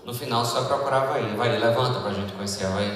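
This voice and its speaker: A man's voice: medium pitch, very fast, fairly bright tone. Brazilian man hosting in an echoey hall. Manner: coaxing, informal. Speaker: event host. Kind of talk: informal bilingual hosting of a live event. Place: large echoey hall with audience. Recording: echoey hall, distant, crowd noise.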